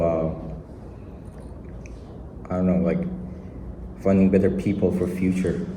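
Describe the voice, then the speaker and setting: Deep-voiced young man in a reverberant hall. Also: mellow, a little hiss or hum. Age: young adult. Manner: hesitant, many fillers. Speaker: student speaker. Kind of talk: short speech at an event. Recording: reverberant hall, mic far off.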